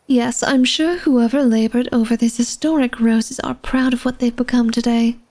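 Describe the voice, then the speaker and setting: This vampire lady of the manor is elegant and secretive, voiced by a woman in a flirtatious ASMR roleplay. Her natural voice is a little high and darkish in tone, steady and at a moderate pace, as she speaks to the listener with formal, genteel coyness and teasing.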